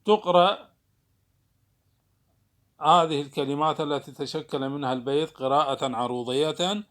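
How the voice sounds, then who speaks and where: Slow, deliberate male teacher, slightly high. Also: fairly bright tone. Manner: slow, deliberate explaining, spelling out syllables. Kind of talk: recorded lesson on Arabic poetic meter.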